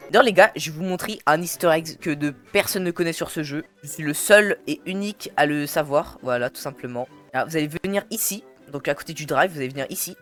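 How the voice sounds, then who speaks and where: A man's voice: on the high side, fast talker, few pauses, fairly bright tone. Playful young man commenting a game. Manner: playful, teasing, slangy, talks to viewers. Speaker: gaming YouTuber. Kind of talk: casual gameplay commentary. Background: faint background music.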